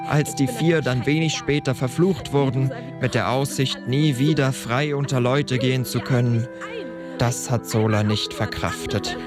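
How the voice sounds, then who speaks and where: A man playing a pedantic narrator in a comic audio drama, digressive and halting as he explains. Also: medium pitch, lightly acted. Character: pedantic, rambling male narrator recalling family gossip. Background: instrumental music.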